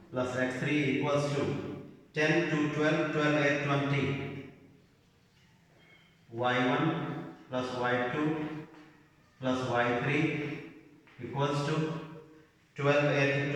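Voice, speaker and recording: A man's voice: mid-range voice, a bit bright. A man with an Indian English accent teaching maths, dictating each coordinate and step aloud as he writes it out. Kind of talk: slow board-work lesson, dictating steps. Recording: echoey room, voice from a distance.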